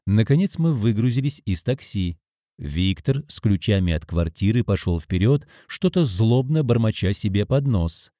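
A man narrating an audiobook in an expressive storytelling manner. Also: on the low side, no echo, clean studio sound.

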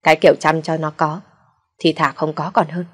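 A woman voicing a spiteful, sick elderly mother-in-law who scolds coarsely, in a low, husky voice. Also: little pitch movement, normal speed.

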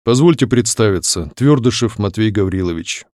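A man's voice: fairly low pitch, expressive, moderate pace, darkish tone, no room sound, studio quality, lightly acted. Man playing a firm young suitor. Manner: firm and formal.

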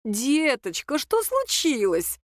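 Woman doing a high-voiced coaxing older mother-in-law. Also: huge pitch swings, slow, dry recording, clean studio sound, exaggerated voice. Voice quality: high, breaking voice. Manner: soft, ingratiating.

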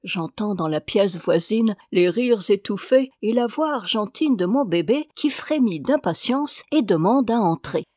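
A woman reading a classic novel aloud as an audiobook, tender and expressive. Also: medium pitch, measured pace, few pauses, no echo, studio quality. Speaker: audiobook reader.

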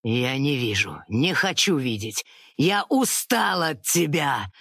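A narrator playing a ruthless, furious husband who shouts at his wife in harsh outbursts. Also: medium pitch, very animated, slow, breathy edge, dry recording, studio quality, heavily acted. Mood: furious yelling. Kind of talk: audiobook character voice.

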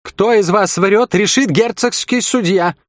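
A man voicing a young, pale, nervous male commander with a high, strained voice who barks orders. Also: sing-song, quick pace, dry recording, studio quality. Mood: shrill orders. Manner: shrill, commanding.

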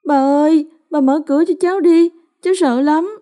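A terrified little boy sobs and stammers his pleas in a high, thin voice, as a woman narrator puts him on. He sounds panicked and on the edge of tears throughout this spoken ghost story. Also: lively intonation, normal speed, dark tone. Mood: pleading. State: crying. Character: frightened little boy, sobbing and pleading.

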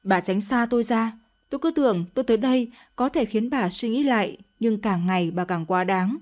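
A woman's voice: on the high side, fairly quick, darkish tone, natural voice. A woman voicing a young man who rejects his older lover in a read-aloud story. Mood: scornful. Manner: pleading, then scornful. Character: young man, torn then disgusted lover.

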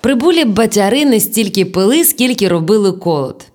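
A woman narrating an audiobook in a lively storytelling manner. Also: mid-range voice, fairly quick.

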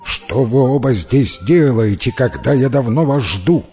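A man's voice: medium pitch, lively intonation, unhurried, mellow, faint music behind, close to an everyday voice. A man reading a bossy scolding innkeeper. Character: grumpy innkeeper, middle-aged man, bossy.

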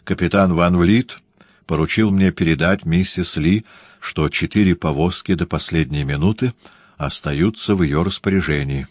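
A man's voice: low voice, normal speed, no echo. A man voicing a lovesick young army lieutenant who exclaims in agitation. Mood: distressed.

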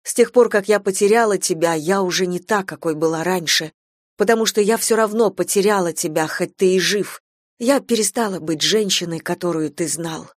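A woman narrating a novel in first person, reading in a measured, emotional way. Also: fairly low pitch, no echo, studio quality. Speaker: audiobook narrator.

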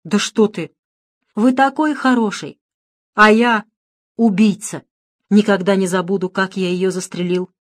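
A woman's voice: mid-range voice, unhurried, pauses often, no room sound, clean studio sound, lightly acted. A woman voicing a remorseful, troubled young male soldier in an audiobook, anguished and pleading.

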